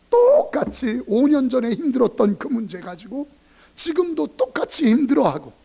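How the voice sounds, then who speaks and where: A man's voice: high voice, gravelly. A male pastor preaching a sermon in a church, earnest and exhorting, speaking directly to his congregation. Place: church sanctuary.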